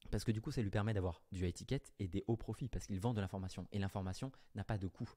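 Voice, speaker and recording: Speaking to the camera as a business coach, a man with a lowish, mellow voice explains offers to viewers. His delivery is brisk and direct, and he corrects himself along the way.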